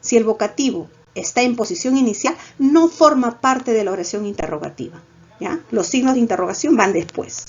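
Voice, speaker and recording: Peruvian woman teacher, lively and coaxing, breathy tone, muffled recording. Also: a little high, fairly quick. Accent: Peruvian Spanish. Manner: lively, coaxing, peppers lines with "¿ya?". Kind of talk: recorded grammar lesson.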